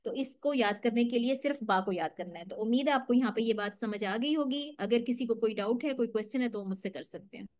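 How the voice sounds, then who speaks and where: A woman teaching tajweed in an online lesson, explaining patiently step by step and modelling slow, drawn-out recitation. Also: fairly high pitch, darkish tone.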